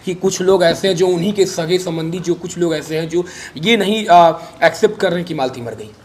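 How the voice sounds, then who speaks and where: A man with a high-pitched voice speaks a little fast, giving unscripted interview answers emphatically and repeating phrases for weight. The recording is noisy, with background ambience.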